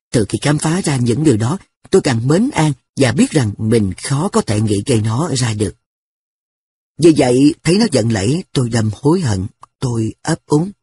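Male audiobook narrator, breathy voice, lively pitch. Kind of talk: reading a novel aloud.

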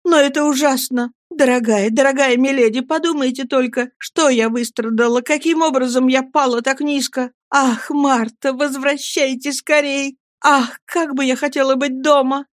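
A woman's voice: on the high side, steady tone, moderate pace, hardly any pauses, a little mellow, no room sound, studio quality, voice pushed up, close to an everyday voice. A woman voicing a desperate pleading young woman. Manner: imploring, anguished.

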